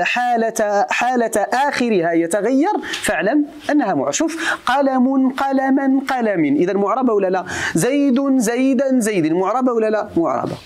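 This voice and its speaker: A Moroccan man teaching a grammar lesson to students. He keeps quizzing them and mixes formal explanation with colloquial asides. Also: sits high. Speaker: religious teacher.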